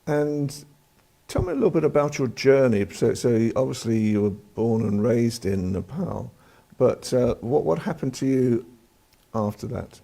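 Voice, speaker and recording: A man's voice: medium pitch, animated, unhurried, vocal fry, warm tone. A man hosting a live TV interview, asking questions and often repeating words as he starts them.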